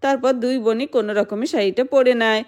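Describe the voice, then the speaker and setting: A woman's voice: fairly high pitch, fairly even intonation, fast, a little mellow. A woman narrating a doll play story in a plain storytelling manner. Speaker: storyteller with dolls.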